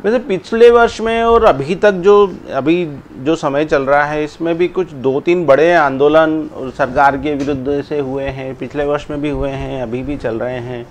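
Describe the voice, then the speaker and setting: A man's voice: fairly high pitch, fairly even intonation, measured pace, few pauses. A man hosting an interview, asking formal, probing questions of his guest. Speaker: interviewer host.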